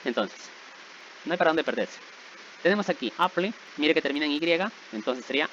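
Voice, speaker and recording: A man's voice: fairly high pitch, lively intonation, fairly quick, a bit bright. A man explains grammar rules patiently in a mid-range voice, checking in with his listeners after each step. The recording sounds a little dull, with a faint hiss underneath. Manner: patient, repeats checks like "¿verdad?" and "¿sí?". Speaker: English teacher.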